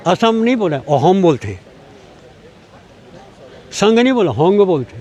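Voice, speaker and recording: A man's voice: high-pitched, very animated, a little slow, a little mellow. An older man with a Chhattisgarhi accent, answering an interview in an emphatic, lecturing way, asking rhetorical questions as he argues. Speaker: language activist.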